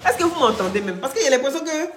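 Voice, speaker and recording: A woman with a head cold, ranting loudly on a live stream, teasing and scolding. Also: high voice, very animated, very fast, reverberant, slight background noise. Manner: talks loudly, teasing and scolding, often laughing. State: head cold, blocked ears. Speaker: live streamer and gossip commentator. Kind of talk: casual live-stream rant.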